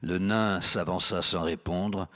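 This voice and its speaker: Deep-voiced man reading literature aloud. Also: steady tone, fairly bright tone. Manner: measured, deliberate, corrects his own slips. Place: live literary event.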